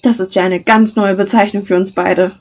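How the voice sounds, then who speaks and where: A mischievous young woman teases in a dry, mocking tone, voiced by a woman reading a story. The voice is gravelly and a little husky. She sounds coolly amused. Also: medium pitch, steady tone, normal speed, a little mellow, lightly acted. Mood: teasing.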